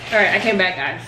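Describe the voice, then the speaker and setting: A woman hosting a casual mukbang vlog, chatting in a relaxed, slangy way. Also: mid-range voice, reverberant, background noise. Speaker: vlogger host.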